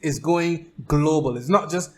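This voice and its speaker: A man hosting a casual podcast, playful and teasing, breaking into loud hype calls. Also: a little high, a little slow. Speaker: podcast host.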